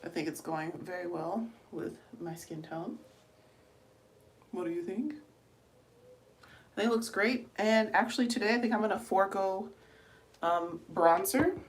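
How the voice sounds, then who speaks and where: A young adult woman beauty livestreamer chats casually through a makeup tutorial, calling viewers "y'all" and sounding out of breath. Her mid-range voice is unhurried with long pauses, slightly distant in an echoey room with slight background noise.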